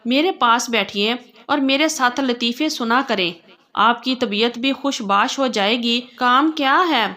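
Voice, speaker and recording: A woman's voice: a little high, sharp tone. A woman voicing a clingy young blind man. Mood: playful.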